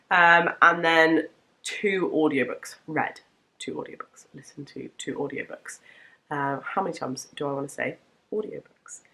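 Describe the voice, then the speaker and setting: A young woman talks casually to her viewers with a slightly low voice, stuffed up and nasal from a cold. She rambles in a friendly way, often backtracking and correcting herself mid-sentence. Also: fairly bright tone. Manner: chatty, rambling, self-correcting. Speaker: book vlogger. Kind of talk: casual chat to camera.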